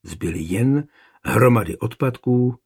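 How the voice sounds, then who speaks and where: A man reading a historical war story aloud as narrator, with even, measured storytelling. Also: medium pitch, slightly rough. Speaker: audiobook narrator. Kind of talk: scripted narration.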